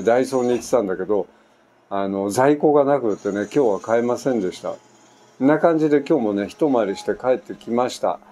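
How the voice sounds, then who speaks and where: A man in his sixties from Japan, chatting casually through a story with many asides, recording at home. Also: medium pitch. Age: 60s. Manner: chatty, animated anecdote telling with frequent asides. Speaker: vlogger. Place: at home on an island, construction nearby. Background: faint construction noise.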